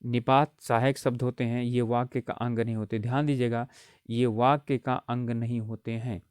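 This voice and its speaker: A man's voice: mid-range voice, level tone, moderate pace, darkish tone, clean tone, no room sound, clean studio sound. A man giving an exam-prep grammar lesson, explaining patiently and repeating key points with frequent check-ins. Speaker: Hindi grammar teacher.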